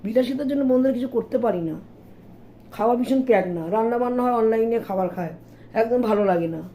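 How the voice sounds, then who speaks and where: Woman, middle-aged, hoarse, warm tone, casual home vlog, faint noise. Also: on the high side, quick pace. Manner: chatty, complaining, addresses viewers directly. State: hoarse sore throat. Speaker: vlogger. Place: home, indoors.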